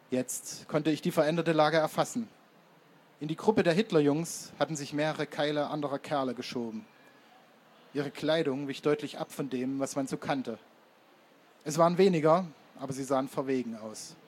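A man narrating an audiobook in first person with measured, even storytelling. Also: medium pitch, husky.

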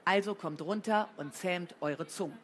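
A woman reading a storybook, voicing a calm, sensible schoolgirl who speaks in a slow, measured way. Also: lowish voice, a little hiss or hum, close to an everyday voice.

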